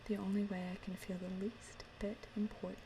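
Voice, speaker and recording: A woman whispering softly and breathily in a gentle, deliberate ASMR style, close to the microphone. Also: medium pitch, little pitch movement, noisy background. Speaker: ASMR performer. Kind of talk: whispered ASMR, reciting and chatting. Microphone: close microphone, ear to ear.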